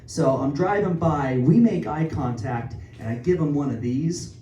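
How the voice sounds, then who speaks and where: A young male stand-up comedian does a rambling, self-deprecating set on a comedy club stage in a fairly high, mellow, unhurried voice. The far-off mic picks up room echo, the crowd, audience laughter and slight background noise.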